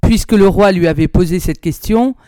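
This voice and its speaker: A woman reading an old storybook aloud in a measured, expressive way. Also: fairly low pitch, dry recording, studio quality. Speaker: narrator, reader.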